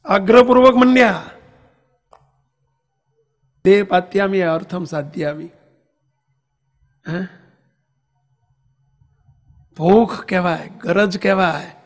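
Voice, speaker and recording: A male monk delivers a devotional sermon in an unusually high voice. He talks emphatically, keeps checking in with his listeners through quick rhetorical questions, and weaves in anecdotes. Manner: tells anecdotes and sings verses. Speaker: monk preacher.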